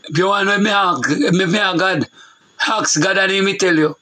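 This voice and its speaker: Husky bright-voiced Jamaican man preaching. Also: high voice, fairly even intonation, a little fast, low-quality recording. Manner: repetitive, emphatic preaching with Jamaican patois. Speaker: preacher on a talk show. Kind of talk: loose preaching monologue.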